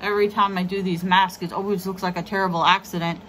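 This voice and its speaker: A woman's voice: on the low side, level tone, fast, a bit bright, low-quality recording. A woman reviewing a beauty product in a casual, chatty and self-mocking way while she talks through a sheet face mask. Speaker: beauty vlogger. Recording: faint air conditioner hum. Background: air conditioner hum.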